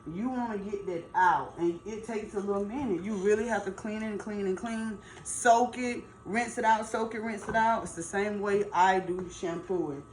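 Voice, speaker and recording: A woman's voice: mid-range voice, moderate pace, few pauses. A middle-aged woman gives casual, chatty advice as a hair stylist, emphatic and folksy, repeating points for stress. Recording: roomy echo, faint background noise.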